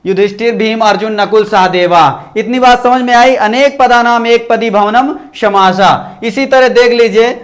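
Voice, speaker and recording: A man's voice: extremely high pitch, fairly even intonation, a little slow, few pauses. A man teaching a grammar class online, repeating each point and checking in with his students often. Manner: repetitive, checks in with "ठीक ना" after points. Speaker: Sanskrit teacher.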